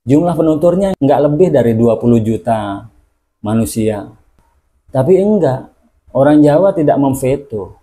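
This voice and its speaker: A man's voice: mid-range voice, warm tone. A man hosting his own channel, giving indignant commentary full of rhetorical questions. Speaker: channel host. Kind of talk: opinion commentary.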